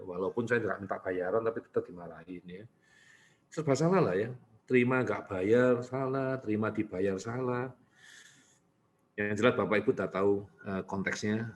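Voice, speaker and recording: A man, a doctor, answering parents' questions in an online consultation, chatty and teasing, often tagging his sentences with a questioning "ya". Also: on the low side. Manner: lively, talkative, frequently adding "ya" tags. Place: clinic.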